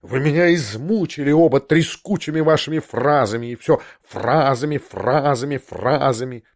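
A man's voice: mid-range voice, normal speed, close to an everyday voice. A man doing a scornful, arrogant prince. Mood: contemptuous. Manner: contemptuous, cutting and mocking. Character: arrogant aristocratic prince, scornful, pacing in anger. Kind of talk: audiobook character reading.

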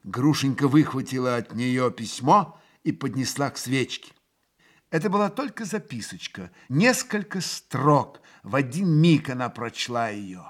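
A man narrating a classic novel in a theatrical, expressive audiobook reading. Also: medium pitch, measured pace. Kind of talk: dramatic literary reading.

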